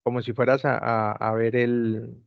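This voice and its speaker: His delivery is flat and measured, medium in pitch with vocal fry. Over dull, dry, lo-fi video-call audio, the man patiently repeats step-by-step instructions while tutoring an online class.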